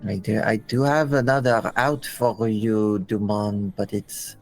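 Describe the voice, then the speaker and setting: Slow, low-voiced male game master. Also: steady tone, a little mellow, soft background music, rough recording. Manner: measured, deliberate. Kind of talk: narrating a tabletop game and voicing characters.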